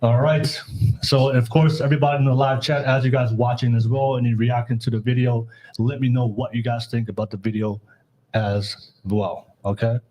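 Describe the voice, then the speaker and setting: A man's voice: medium pitch, flat delivery, normal speed, mellow. A man hosting a live panel podcast, talking upbeat and straight to his live chat viewers. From California. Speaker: podcast host.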